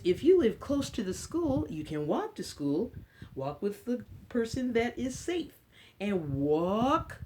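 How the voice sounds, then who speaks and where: Leading story time for kids, this American woman reads aloud and talks like a teacher, keeping her phrases short and simple and posing questions to the children. Her voice is medium-pitched and somewhat dark, with slight background noise.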